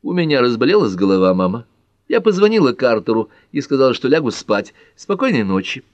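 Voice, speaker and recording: A man doing a teasing young woman with quick mocking retorts, pitched a little higher, dry and dull audiobook recording, close and flat. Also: dry recording, close to an everyday voice. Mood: tired.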